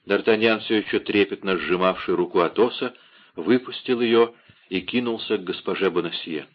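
A man narrating a classic novel as an audiobook, expressive and dramatic. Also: deep voice, normal speed. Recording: dull lo-fi audiobook recording.

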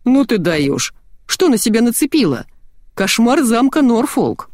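A mocking, cheeky young man who teases without mercy, voiced by a woman reader. His lines sit higher than her narration and bounce with life, recorded close and dry. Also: big pitch swings, a little slow, darkish tone, no echo. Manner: mocking, teasing.

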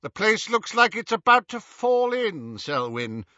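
A man voicing a cool, practical dark wizard henchman in an audiobook, clipped and matter-of-fact. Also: high voice, very animated, measured pace, slightly rough, no echo, muffled recording, voice pushed up, exaggerated voice.

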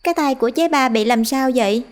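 A woman's voice: high voice, quick pace, voice pushed up, natural voice. A woman doing a tearful little sister. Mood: pleading. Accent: Southern Vietnamese. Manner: crying, pleading. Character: small tearful younger sisters.

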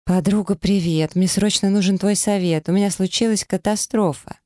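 A reader voicing a spoiled, panicky young trophy wife who squeals and whines, in an audiobook. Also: female voice, medium pitch, fairly even intonation, normal speed, dark tone, dry recording, clean studio sound, pitched above the performer's own voice, close to an everyday voice. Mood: whiny. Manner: squealing, whiny. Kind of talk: audiobook character voice.

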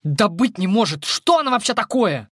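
Man reading a brisk young woman fighter, sharp and alarmed, a bit higher pitched. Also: dry recording, clean studio sound, lightly acted. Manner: sharp, exclaiming.

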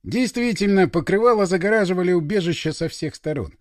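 Lively male storyteller, dry close sound. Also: high-pitched, brisk, no echo. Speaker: audiobook narrator. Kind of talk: scripted narration.

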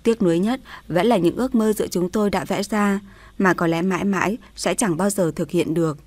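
A woman narrating a scripted first-person story in a sorrowful, even way. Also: medium pitch, a little fast, dry recording.

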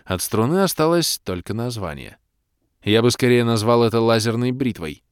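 A man's voice: mid-range voice, expressive, normal speed, smooth, dry recording, studio quality. A man reading a fantasy audiobook in the first person, with wry, ironic storytelling. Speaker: audiobook narrator. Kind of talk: expressive fantasy audiobook narration.

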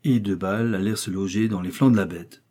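A man reading a novel aloud as an audiobook narrator in a steady, measured way. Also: on the low side. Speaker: audiobook reader. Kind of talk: scripted narration.

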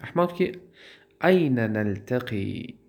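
A man with a Tajik accent teaching a grammar lesson. He drawls out word forms, asks questions and answers them himself, and pauses on fillers. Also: mid-range voice, lively intonation, vocal fry. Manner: drawls out word forms, repeats them slowly, then translates. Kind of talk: classroom lesson.

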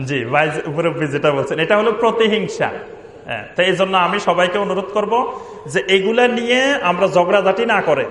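A male preacher with a notably high voice answers a congregation's question in sermon form. He hammers his point with one rhetorical question after another. His voice rings out across a large, echoing hall with a long reverb tail. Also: a bit bright. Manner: argues through repeated rhetorical questions. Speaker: imam and Islamic preacher.

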